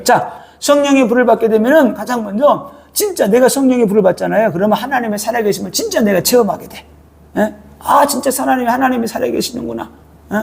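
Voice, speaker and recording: Male pastor, sermon, high raspy voice, chatty style that keeps asking the congregation "eh?". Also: a little mellow. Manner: colloquial, prods listeners with repeated "eh?". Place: church.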